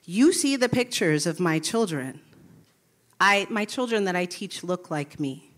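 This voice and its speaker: Onstage at a live talk, a Milwaukee public school music teacher in her thirties shares her personal story with earnestness. She has a lowish voice and an animated but unhurried delivery, and she comes from Milwaukee, USA.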